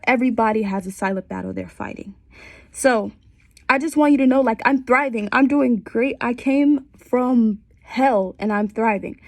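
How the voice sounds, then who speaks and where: The audio is studio quality with no room sound, though she's speaking from a small bedroom. A congested young woman in her twenties, fairly high-pitched with a darkish tone, frankly recounts her personal story for class. She's conversational, with wry asides along the way.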